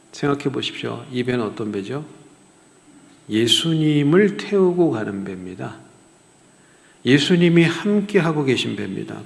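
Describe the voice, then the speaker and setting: A man's voice: mid-range voice, vocal fry. A man preaching a sermon as a pastor, rising to emphatic rhetorical questions and then dropping to near-whispers. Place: church sanctuary. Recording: long reverb of a church hall.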